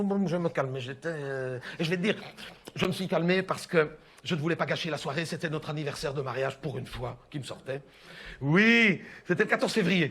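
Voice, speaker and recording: A man's voice: a little high, a bit bright, breathy edge, full character voice. A man playing a gossipy Belgian housewife. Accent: Belgian French. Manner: rambling, gossipy, confiding, full of "hein" and "écoute bien". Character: gossipy chatty middle-aged Belgian housewife, mother. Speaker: stand-up comedian in character. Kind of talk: stand-up character monologue.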